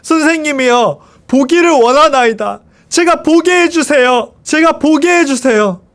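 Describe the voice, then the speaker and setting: A man's voice: very high voice, animated, a little slow, fairly bright tone, voice pushed up, exaggerated voice. A man voicing a desperate blind beggar who cries out and pleads for help in a children's Bible story. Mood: pleading cries.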